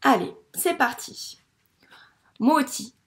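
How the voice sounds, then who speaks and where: Slow, patient woman teaching phonics. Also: high voice, animated, a bit bright. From France. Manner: slow, patient, drawn-out syllables. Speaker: first-grade teacher. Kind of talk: phonics lesson to a young child.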